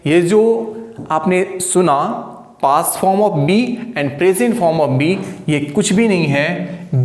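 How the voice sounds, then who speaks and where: Chatty man teaching in an echoey room. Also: on the high side. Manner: chatty, coaxing, addresses students as kids. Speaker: English teacher. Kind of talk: video lesson.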